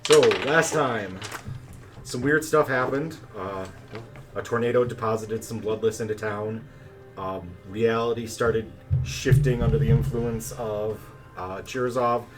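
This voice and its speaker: A man running a tabletop game as game master, narrating in a relaxed, chatty way with plenty of fillers. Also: lowish voice, unhurried, music in the background. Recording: distant mic, faint background noise.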